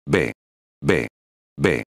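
A man's voice: extremely low pitch, lively intonation, extremely slow, gravelly, no echo, studio quality, voice pushed down, heavily acted. A man voicing an angry, threatening male steward in a narrated story. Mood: furious. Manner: shouting threats.

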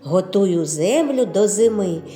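Brief: kindly Autumn spirit, woman voicing, slow gentle lilt, roomy echo. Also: medium pitch, expressive, faint music behind, voice pushed down. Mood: welcoming.

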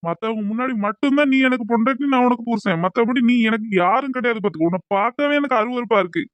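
A man's voice: very high-pitched, fast talker, no room sound, lo-fi sound. A man voicing an angry accusing husband. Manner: scolding, contemptuous. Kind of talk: cartoon voice acting.

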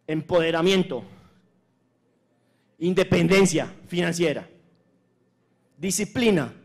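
A man's voice: fairly high pitch, slow, gravelly. A Colombian man giving a motivational conference talk from a stage, emphatic and repetitive, with crude slang. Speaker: conference speaker. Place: stage at a launch event.

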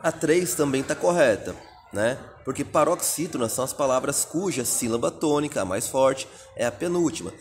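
A man's voice: mid-range voice, expressive, moderate pace, a little hiss or hum. A Brazilian man teaching a recorded exam-prep lesson, reading out answer options and explaining each one step by step. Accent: Brazilian Portuguese.

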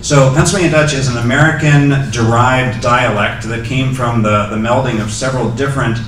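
Speaking from a lecture-hall podium into a handheld microphone, a middle-aged male guest lecturer answers Q&A questions haltingly, full of ums and false starts. He has a medium pitch, a steady tone, fairly bright timbre and a moderate pace. Recorded from far off in the echoey hall, with slight background noise.

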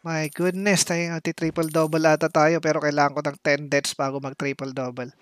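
A man streaming live gameplay, excitable and commenting as he plays, with sudden exclamations and playful taunts at his opponents. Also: fairly high pitch, brisk, no echo. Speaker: game streamer.

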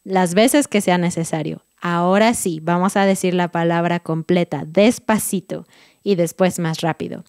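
A woman's voice: lowish voice, normal speed, darkish tone, dry recording, clean studio sound. A young woman with a Mexican Spanish accent teaching a pronunciation lesson, drawing out each vowel with exaggerated mouth shapes.

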